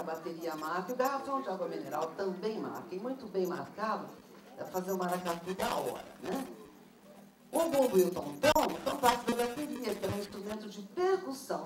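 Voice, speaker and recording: Speaking a little fast at medium pitch, this woman is a teacher trainer running a workshop for teachers. She is lively and keeps asking the audience questions, and the recording is roomy, from a distant mic in a noisy room.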